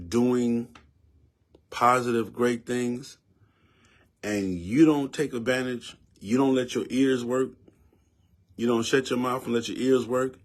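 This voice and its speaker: A man in his fifties with a Southern US accent, giving his opinion in a casual, preachy way and repeating words for emphasis. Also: medium pitch. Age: 50s. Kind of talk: casual spoken commentary.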